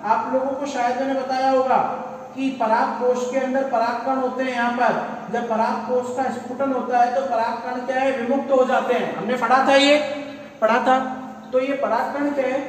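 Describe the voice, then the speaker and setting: A man's voice: very high-pitched, flat delivery, moderate pace. A man teaching a biology class in Hindi. He keeps asking his students questions and answers them himself, repeating key terms. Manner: addresses students as "beta". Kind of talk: classroom lecture. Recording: echoey room, voice from far off.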